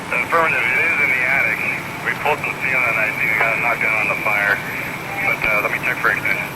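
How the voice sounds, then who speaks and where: Man, firefighter, terse radio updates, rapid delivery, noisy field transmission. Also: mid-range voice, fairly even intonation. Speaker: firefighter, engine company officer.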